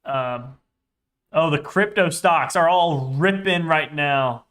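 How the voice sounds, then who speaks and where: A young man with a slightly high voice narrates his live trading screen. He talks casually and restlessly, half to himself, and swears freely as he jumps from one thing to the next. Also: slow pace, a bit bright. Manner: restless, sweary, muttering to himself as he scans charts. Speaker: day trader livestreamer.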